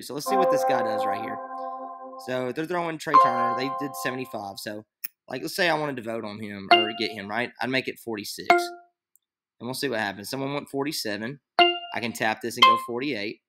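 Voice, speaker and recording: Over loud music, a young man with a medium-pitched voice talks a little fast as he walks through a draft on screen. Recording at his computer in a small room, this fantasy league tutorial maker rambles, thinks aloud, and fills his casual screen-share with fillers.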